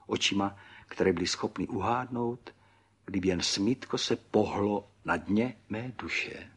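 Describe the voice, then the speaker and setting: A man narrating an audiobook in a dry, measured storytelling manner. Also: on the low side, husky.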